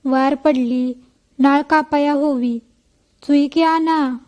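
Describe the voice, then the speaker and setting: A woman's voice: sits high, steady tone, takes it slowly, darkish tone. A woman voicing a bossy, talkative old village midwife who speaks in rustic village talk. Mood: coaxing chatter. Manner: rustic village speech, coaxing and scolding.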